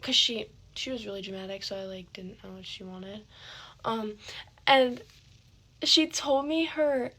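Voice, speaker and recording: A woman telling a rambling storytime while getting ready, soft-spoken with many fillers, recorded on a phone set back from her. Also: medium pitch, a little hiss or hum. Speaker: vlogger.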